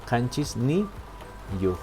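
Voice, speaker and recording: A man's voice: medium pitch, big pitch swings, extremely slow, music in the background. A man teaching a language class online, patient and step by step, often checking in with his students. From Peru. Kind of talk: online lesson, explaining step by step.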